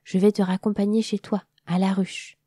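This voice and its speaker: A woman's voice: medium pitch, flat delivery, normal speed, dark tone, no room sound, studio quality, natural voice. A woman voicing a kind, courteous male butterfly who watches the garden at night. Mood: soothing. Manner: kindly, fussing, courteous.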